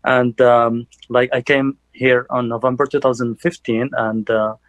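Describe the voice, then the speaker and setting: A young man from Algeria giving a personal testimony in church, speaking haltingly with many fillers and restarts. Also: mid-range voice, flat delivery, no room sound, rough recording. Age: young adult.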